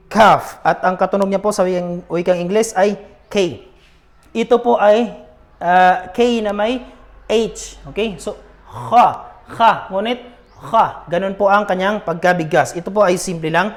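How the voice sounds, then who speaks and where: A man teaching a beginner Arabic lesson, patiently repeating each letter sound and checking in with his students. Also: high-pitched.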